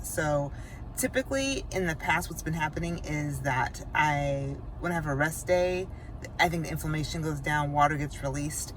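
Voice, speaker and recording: Low-voiced rambling woman in her forties. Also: a bit bright, slight background noise. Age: 40s. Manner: rambling, frequent fillers and restarts. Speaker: vlogger. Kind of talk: casual rambling vlog.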